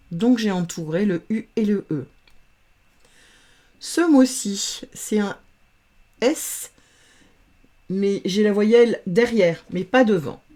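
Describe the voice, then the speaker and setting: A woman teaching reading, patiently sounding out letters and syllables in a slow phonics lesson. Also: medium pitch, dark tone.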